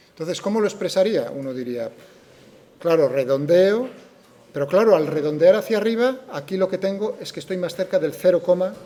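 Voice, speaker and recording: A man's voice: a little high, warm tone. A man with a Spain Spanish accent teaching a physics class. He keeps checking that students follow and raises their likely objections before answering them. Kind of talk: classroom lecture.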